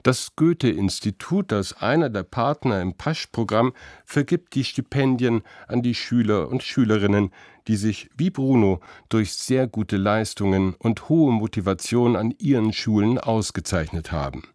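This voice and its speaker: A man narrating a news report in a steady voice-over. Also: on the low side, measured pace, no echo, studio quality.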